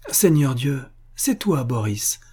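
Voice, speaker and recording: A man's voice: medium pitch, animated, moderate pace, dark tone, slightly rough, voice pushed up. A man reading aloud, voicing an elderly country widow who fusses and dotes on her son in a raised voice. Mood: fussy, overjoyed. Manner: fussy, affectionate exclamations. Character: elderly Russian country widow, doting mother.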